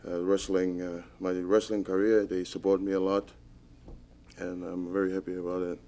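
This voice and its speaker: A man from Tonga whose first language is Tongan, a wrestler answering interview questions softly with many fillers. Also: deep voice, flat delivery, normal speed. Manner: soft-spoken, with many fillers. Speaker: wrestler guest.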